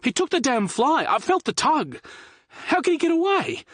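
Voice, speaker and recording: A man voicing an excitable young city man who is easily outraged, talking loudly and exclaiming. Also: mid-range voice, a little slow, no room sound. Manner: loud, animated and exclaiming.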